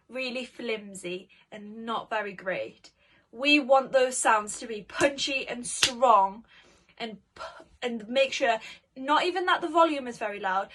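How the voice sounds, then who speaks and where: A woman with a somewhat high-pitched voice leads a vocal warm-up lesson. She talks directly to young learners, explaining each step in simple words with an encouraging manner. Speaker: singing teacher. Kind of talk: warm-up lesson, spoken instructions to camera.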